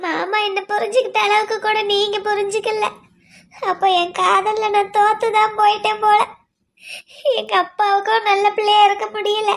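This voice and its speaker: A woman's voice: extremely high pitch, level tone, moderate pace. A woman voicing a heartbroken young woman student in a cartoon love story, tearful and blaming herself. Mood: hurt, tearful. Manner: tearful, self-blaming pleading. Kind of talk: cartoon voice acting.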